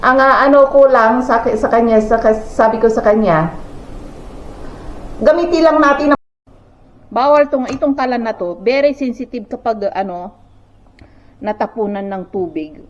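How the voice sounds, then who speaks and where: Chatting to her viewers in a spacious kitchen, an older Filipino woman vlogger tells a meandering story, leaning on fillers and saying "sabi ko" again and again. She speaks a little high and a little slow, pausing often. The audio has a roomy, dull home quality.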